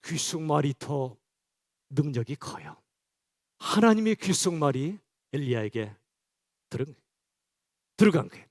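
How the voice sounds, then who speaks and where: A man's voice: a little high, expressive, unhurried, pauses often. A male pastor preaching a sermon in church, speaking directly and conversationally to his congregation.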